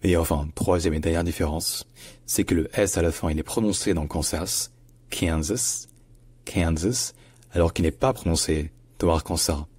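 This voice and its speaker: A man teaching pronunciation in a lesson, explaining carefully and repeating example words slowly. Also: deep voice, steady tone, darkish tone, breathy edge, no room sound.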